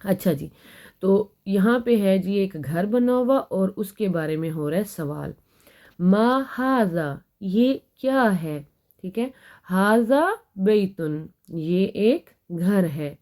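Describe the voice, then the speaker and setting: A woman teaching an Arabic grammar lesson, patiently explaining and reading example sentences slowly before translating them. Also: mid-range voice, animated, dark tone.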